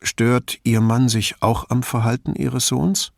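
A man voicing a calm, probing male police commissioner asking questions in an audiobook. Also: mid-range voice, vocal fry, no room sound, studio quality. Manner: measured, questioning.

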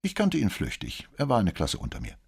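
A man's voice: sits low, huge pitch swings, brisk, husky, full character voice. A man voicing an arrogant young male military cadet, haughty and curt, in an audiobook reading.

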